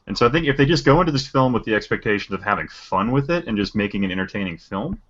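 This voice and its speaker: A man's voice: lowish voice, expressive, fast, a bit bright, a little hiss or hum. A man co-hosting a podcast, rambling through his opinions in casual chat. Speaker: podcast co-host. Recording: dull lo-fi audio.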